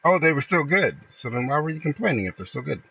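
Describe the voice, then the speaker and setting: A man's voice: a little high, big pitch swings, fast, vocal fry, sharp tone, slightly rough. A man streaming a game who argues with a friend in casual banter, mocking him and swearing freely. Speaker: gaming streamer.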